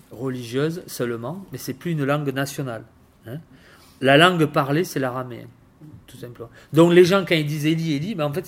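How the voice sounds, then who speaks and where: A man giving informal Bible teaching, halting and repeating words, often asking his listeners questions. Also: a little high. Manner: halting, repeats words, tags phrases with "hein"; addresses listeners directly with questions. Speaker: preacher.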